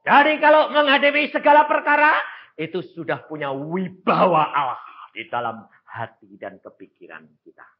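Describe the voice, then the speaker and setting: A man's voice: high voice, muffled recording. An elderly man around eighty with a Javanese accent, preaching a sermon in an emphatic, folksy way and speaking straight to his congregation. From Central Java, Indonesia. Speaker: evangelist preacher.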